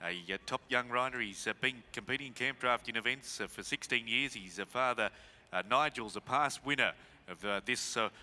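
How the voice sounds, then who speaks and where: Australian male sports co-commentator, forceful sharp tone, mid-range pitch, halting delivery.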